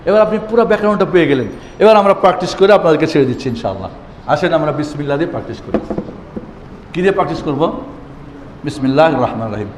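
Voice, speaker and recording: A man's voice: fairly high pitch, animated, rapid-fire, a little hiss or hum. A man teaching Quran reading as a classroom lesson, who asks his own questions and answers them and repeats the key words. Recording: echoey hall with faint ambience.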